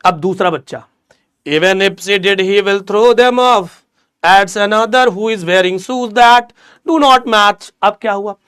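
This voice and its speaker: A young man teaching an English chapter to students, reading lines slowly and explaining them, repeating key words as drills. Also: very high voice, fairly bright tone, clean tone. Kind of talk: explaining a textbook chapter in class.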